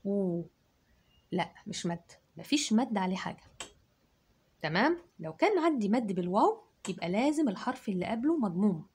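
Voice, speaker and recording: A woman's voice: medium pitch, big pitch swings, fairly quick, darkish tone, slightly rough. A woman teacher with an Egyptian accent, giving a spelling and dictation lesson to children, sounding out letters and syllables one by one. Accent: Egyptian Arabic.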